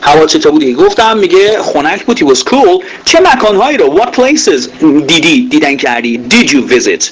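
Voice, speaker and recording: A man teaching English grammar in Persian, saying each English example sentence slowly with many filler pauses. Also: on the high side, big pitch swings, husky, low-quality recording. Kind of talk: recorded grammar lesson.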